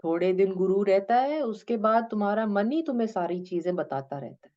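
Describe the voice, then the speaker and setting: Woman spiritual teacher, warm and gentle, talks patiently to students; muffled lo-fi sound. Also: mid-range voice, lively intonation, fairly quick. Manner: gentle, coaxing, addresses listeners as "beta"; mixes English phrases into talk. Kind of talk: devotional discourse to students.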